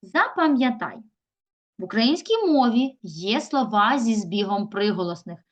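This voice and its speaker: A woman teacher giving a recorded lesson to young children. She reads words aloud and stretches out their syllables slowly. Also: a little high, very animated, highs cut off. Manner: slow, drawn-out syllables when sounding out words. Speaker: primary school teacher.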